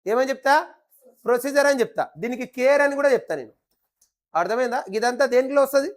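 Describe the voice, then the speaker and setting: A man's voice: very high-pitched, fast. Playful male teacher. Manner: playful, repeats key terms and quizzes the class. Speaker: nursing exam coaching teacher. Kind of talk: classroom lecture with call-and-response questions.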